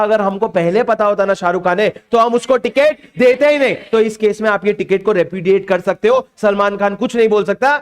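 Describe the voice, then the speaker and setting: A man with a high, smooth voice and an Indian English accent runs an exam revision lecture. He keeps coaxing his class, asking questions again and again and pushing them to answer. His voice sounds clean and resonant. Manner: coaxing, repeats questions to students. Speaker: teacher.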